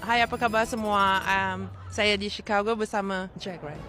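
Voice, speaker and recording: A woman's voice: mid-range voice, steady tone, moderate pace, sharp tone. A Malaysian woman from Sarawak answering street interview questions in a chatty, direct way. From East Malaysia, Sarawak. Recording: background music under the voice.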